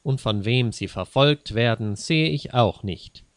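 A man's voice: mid-range voice, lively intonation, measured pace, dry recording. A man voicing a sarcastic, mocking grown man who taunts a frightened companion in a read-aloud story. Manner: sarcastic, sneering.

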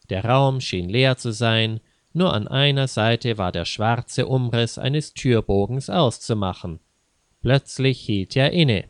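A man narrates a scripted learners' story in a calm, measured way. His voice is smooth and resonant, at an ordinary pitch. The recording is close and dry. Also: dry recording. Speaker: language teacher and storyteller.

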